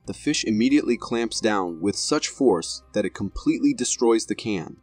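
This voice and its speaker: A man's voice: on the low side, expressive, normal speed, darkish tone, slightly rough, no echo, soft background music. A man reading scripted narration for a video compilation in a dramatic, formal manner.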